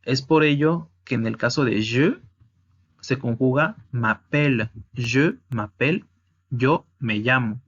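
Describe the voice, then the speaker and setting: Guy going slow thru french verb conjugations, kinda dull lo-fi sound. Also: mid-range voice, a bit bright. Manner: slow, explanatory, with restarts. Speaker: French teacher. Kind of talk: slide-based language lesson. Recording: dull lo-fi audio.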